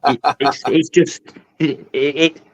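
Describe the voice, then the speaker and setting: A man from the north of England with a Northern English accent, a guest in a casual live chat, excitable and prone to stammering restarts. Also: a little high, takes it slowly, highs cut off.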